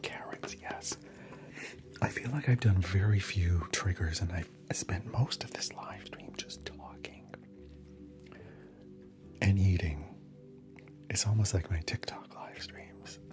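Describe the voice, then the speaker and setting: Male ASMR streamer, low whisper, chatty and casual, reads comments aloud, steady music bed underneath. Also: takes it slowly, pauses often. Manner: chatty, answers viewer comments aloud between snacks. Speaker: ASMR livestream host. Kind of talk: whispered ASMR livestream chat.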